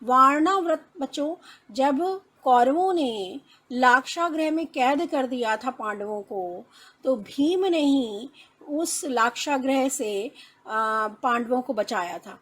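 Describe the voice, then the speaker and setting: A woman's voice: high voice, animated, a bit bright. A woman teacher reading Sanskrit lines one by one and explaining each in Hindi to her students. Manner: reads a Sanskrit line, then explains it slowly in Hindi, addressing students as children. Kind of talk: line-by-line Sanskrit translation lesson.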